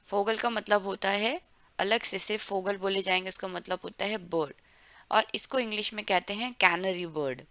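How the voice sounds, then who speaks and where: A woman teaching German vocabulary to learners, repeating words slowly syllable by syllable for pronunciation drills. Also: medium pitch, sharp tone, no room sound. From India. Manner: drawn-out, careful word-by-word pronunciation drills. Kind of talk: explaining vocabulary to learners, mixing Hindi and English.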